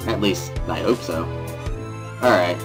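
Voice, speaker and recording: An amateur series narrator with a deep register takes his time over a first-person dramatic reading of a visual novel. Instrumental music sits clearly behind him throughout.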